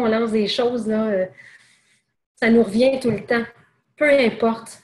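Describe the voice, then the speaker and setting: A woman leads a sales training session in a slightly high voice. She talks conversationally, restarting phrases and adding fillers as she goes. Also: darkish tone, echoey room. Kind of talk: training seminar talk.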